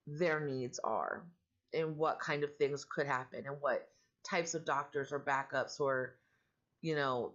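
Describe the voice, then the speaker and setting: A middle-aged woman talks candidly to her vlog in a growly voice, rough from allergies. She rambles along in a plain, matter-of-fact way. The recording sounds a little dull and lo-fi. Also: low-pitched. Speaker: vlogger and foster parent. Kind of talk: casual personal vlog talk.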